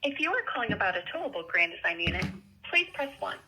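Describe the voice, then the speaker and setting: A woman's recorded phone menu message, played over a phone line and read in a slow, carefully enunciated scripted prompt. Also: medium pitch, very animated, over music. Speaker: automated phone line greeting.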